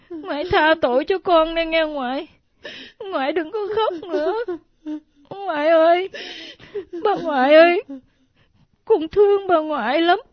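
A woman's voice: extremely high pitch, no echo. A woman playing a scared, remorseful young grandchild in a radio drama, pleading and sobbing. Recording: dull lo-fi old radio recording.

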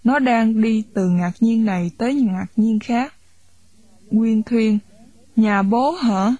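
A woman reading a novel aloud in a steady storytelling voice. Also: fairly high pitch, takes it slowly, husky, no room sound. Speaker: audiobook narrator.

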